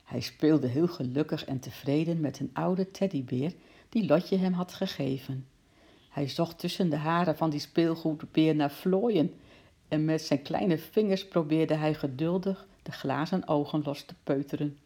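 Low, gravelly woman reading a children's story. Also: unhurried, warm tone. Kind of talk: reading a children's book aloud.

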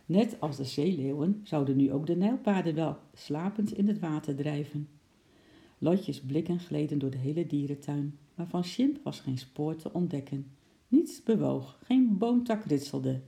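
A storyteller reads a children's book aloud in a calm, even manner. The voice is notably gravelly. Its timbre is very dark and mellow. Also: mid-range voice, unhurried.

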